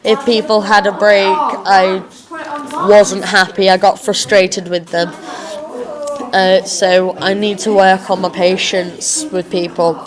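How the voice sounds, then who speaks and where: A young woman with a slightly chavvy working-class English accent, giving an informal, halting spoken self-review as a drama student. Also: mid-range voice, flat delivery, crowd noise. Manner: hesitant, halting, thinking aloud. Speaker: drama student recording a reflective blog.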